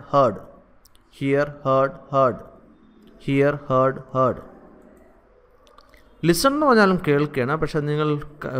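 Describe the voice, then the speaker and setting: A man with a Malayali accent teaching English verb forms in a lesson, repeating each one slowly in drills. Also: medium pitch, clear, resonant tone.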